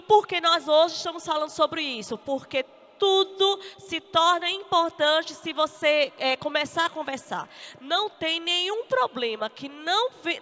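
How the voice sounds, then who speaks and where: A woman with a Brazilian Portuguese accent giving a lively church teaching talk on marriage, acting out the complaints of spouses. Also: high voice. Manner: animated, acts out spouses' complaints. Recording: echoey hall, dull lo-fi sound.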